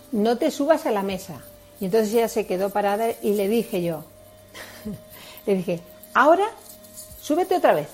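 A woman with a Spain Spanish accent and a warm, medium-pitched voice preaches a sermon on marriage. She is earnest and explanatory, frequently posing rhetorical questions.

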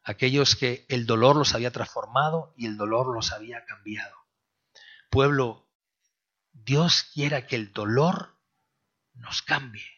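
A male pastor delivers a sermon, his voice bright and forceful with a husky edge. He swings between loud exhortation and hushed prayer, captured on a dull, lo-fi recording. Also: medium pitch, a little slow, pauses often. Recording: dull lo-fi sound.

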